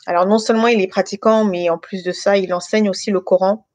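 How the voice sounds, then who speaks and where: A woman's voice: mid-range voice, fairly even intonation, quick pace, a little mellow, no echo. A woman from France, born to Guinean parents, talks over an online call from her living room. She has a mid-range voice, stops often with fillers and restarts her sentences, and the sound is dry and close. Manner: hesitant, many fillers and restarts. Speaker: guest giving a faith testimony. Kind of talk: casual spoken testimony and improvised prayer.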